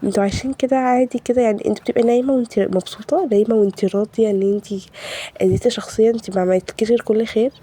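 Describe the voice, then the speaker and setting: A woman with an Egyptian Arabic accent, slightly stuffy from a cold, rattles off her words at a very rapid pace. Her tone is soft and dark as she vents in a casual vlog voice-over. She keeps firing rhetorical questions. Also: on the high side, steady tone, husky. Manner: heated, rhetorical venting with repeated questions. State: has a cold. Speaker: home vlogger.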